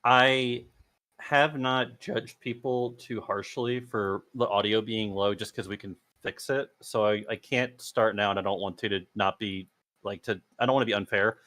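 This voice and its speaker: A man's voice: fairly low pitch, fairly even intonation, normal speed, bright, forceful tone, dry recording. A man judging a voice acting contest, fair-minded and hesitant, often restarting his sentences. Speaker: judge. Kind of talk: casual livestream chat.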